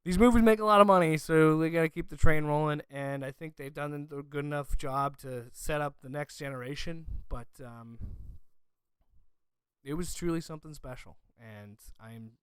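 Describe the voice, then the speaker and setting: Emotional young man, smooth clear voice. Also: fairly high pitch, fairly even intonation, normal speed, no echo. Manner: emotional and gushing, with frequent fillers. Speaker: podcast host. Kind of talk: casual movie review chat.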